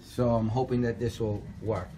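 A man's voice: fairly low pitch, steady tone, moderate pace, noisy background. Chatty man explaining a DIY job. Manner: chatty, explains step by step with fillers. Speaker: home video maker. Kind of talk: casual unboxing and DIY talk. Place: living room at home. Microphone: handheld phone camera.

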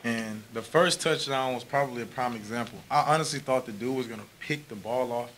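A young man, a college football receiver, talking in an energetic, easygoing way at a post-game press conference. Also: mid-range voice, a little fast, slight background noise, low-quality recording. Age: young adult. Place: press room in front of a team backdrop. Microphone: table mic on a stand.

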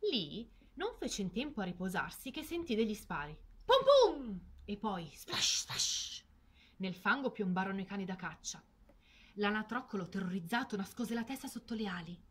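A woman narrates a children's fairy tale in a storytelling voice. Her pitch moves in wide, lively arcs, and she stretches out words slowly for effect. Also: slightly rough. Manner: expressive, slow and lingering on words.

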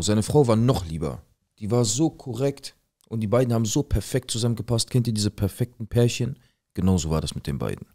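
Deep-voiced man telling a street story. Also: a little mellow. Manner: street slang, plain and direct; acts out quoted lines in the tale. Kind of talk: casual first-person storytelling.

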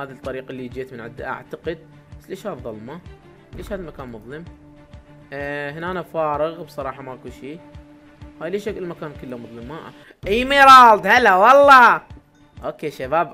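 A young man with an Iraqi Arabic accent, giving excitable live commentary to his viewers while playing a game, with sudden loud exclamations. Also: a little high. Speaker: gaming YouTuber.

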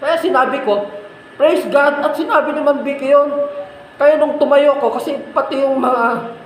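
A man's voice: very high-pitched, moderate pace, echoey room, poor audio. Male pastor, preaching, rhetorical questions, faint background noise. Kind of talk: sermon.

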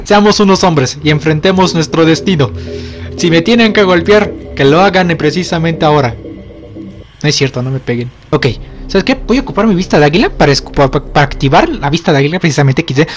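A young Mexican-accented man narrates his gameplay in a high, bouncy voice that swings all over. He jokes in slang and yelps when scared. Game music plays clearly beneath him. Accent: Mexican Spanish. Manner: joking, slangy, easily startled. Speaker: gamer. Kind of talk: let's play commentary. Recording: game music playing behind.

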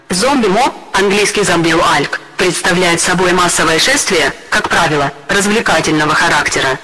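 A synthetic male text-to-speech voice reading an encyclopedia article in an even, mechanical way. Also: high-pitched, big-room sound, rough recording.

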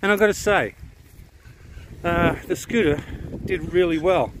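Camped by a lake, this middle-aged Australian vlogger talks to a handheld camera at arm's length in a relaxed, easygoing, chatty way. His voice sits high and runs a little slow, and the casual travel narration comes over a noisy background.

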